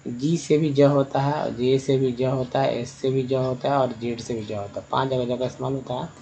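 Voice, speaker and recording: A man's voice: mid-range voice, dark tone, dull audio, slight background noise. A man teaching English reading over slides, patiently spelling words letter by letter and asking then answering his own questions. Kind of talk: spoken lesson over slides.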